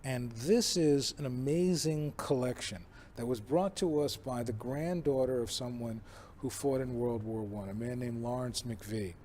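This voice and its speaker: A man with a dark, mellow voice of average pitch gives an explanatory presentation. He stresses and signposts his key points, with faint ambient noise behind him. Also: a little slow. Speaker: museum presenter.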